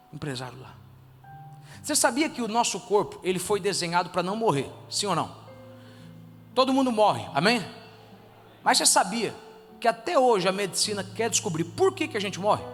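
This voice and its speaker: High-voiced Brazilian pastor preaching in a hall. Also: male voice. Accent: Brazilian Portuguese. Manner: emphatic preaching, swinging from loud exhortation to soft, intimate asides. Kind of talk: sermon. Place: church hall.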